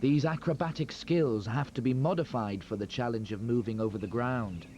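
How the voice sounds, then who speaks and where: A man reading scripted nature documentary narration in a measured, explanatory way, heard from a worn VHS tape copy. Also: medium pitch, slight background noise. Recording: dull lo-fi tape with loud music behind. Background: loud music score.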